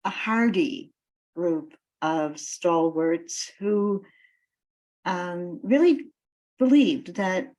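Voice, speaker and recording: A woman activist gives an informal campaign talk in deliberate, halting phrases, stressing key words emphatically. Her mid-range voice is warm, though the audio is poor.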